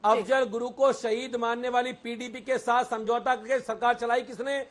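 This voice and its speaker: A man with a very high voice argues in a TV studio debate. He pounds away with rhetorical questions and accusations, one after another, without pausing. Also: flat delivery. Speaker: party spokesperson. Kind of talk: heated TV debate.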